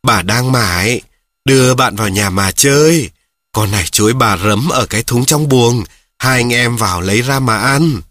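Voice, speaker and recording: A man's voice: mid-range voice, moderate pace, a bit bright, no room sound, lightly acted. A man voicing a kindly old village grandmother who scolds fondly in homely speech. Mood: fond, easygoing.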